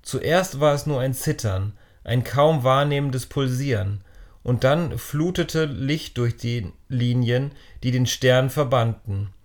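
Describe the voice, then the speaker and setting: Man, storybook narrator, calm, measured, mid-pitched.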